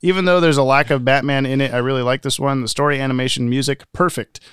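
A man's voice: mid-range voice, fairly even intonation, fast talker, fairly bright tone, smooth, no echo, studio quality. A man co-hosting a podcast in a casual, playful way, reading out listener comments and laughing often. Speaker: podcast co-host.

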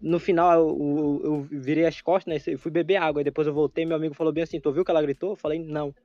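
A young man on a casual podcast, excitedly telling stories full of slang. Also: a little high, quick pace, no echo. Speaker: podcast co-host. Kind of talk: casual chat. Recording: dry, dull lo-fi with faint music.

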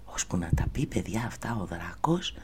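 A woman telling a fairy tale to children in a soft, half-whispered voice, often speaking to them directly. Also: rumbling low, animated, a little hiss or hum. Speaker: storyteller reading to children. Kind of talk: children's story narration.

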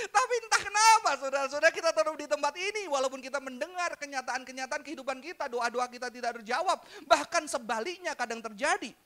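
Animated high-voiced preaching man. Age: adult, father. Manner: animated, mixes English phrases, jokes with congregation. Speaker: pastor. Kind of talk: sermon.

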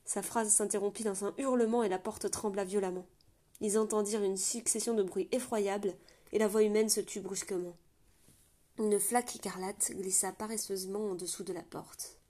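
A woman narrating a novel aloud with a steady, measured reading. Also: medium pitch. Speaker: audiobook narrator. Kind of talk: scripted storybook narration.

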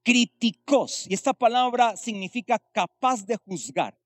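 A man's voice: sits high, normal speed, no room sound. A male pastor preaching a sermon, explaining Greek words and asking rhetorical questions.

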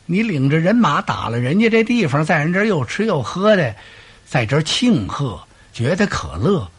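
A man voicing a cool, stern male strategist who speaks in low, clipped commands, in a traditional storytelling performance. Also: sing-song, normal speed, slightly rough. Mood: measured.

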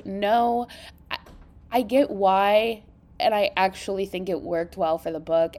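Female book-podcast host, marked vocal fry, mellow tone, congested, informal and enthusiastic delivery. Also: mid-range voice. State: congested sinuses. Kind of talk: casual book review chat.

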